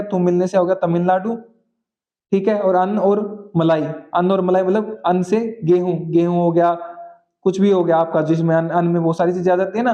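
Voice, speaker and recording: A man teaching general-knowledge memory tricks, repeating key phrases slowly and often checking that students follow. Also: high-pitched, highs cut off. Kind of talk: exam-prep lesson with memory tricks.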